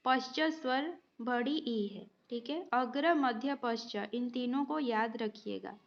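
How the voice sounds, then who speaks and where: A woman teaching a grammar lesson at a slow, unhurried pace, her voice sitting a little high. She goes through quiz questions patiently, explains each step and checks in with the students. The sound is dull and a bit lo-fi. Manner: patient, explains step by step, often adds a short "okay" check. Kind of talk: exam-prep lesson going through multiple-choice questions.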